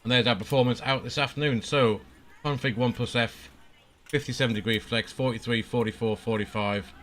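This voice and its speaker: A man's voice: medium pitch, fairly even intonation, brisk, a bit bright. A man giving casual, think-aloud commentary as he streams a flight simulator. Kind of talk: casual live gameplay commentary. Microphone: headset.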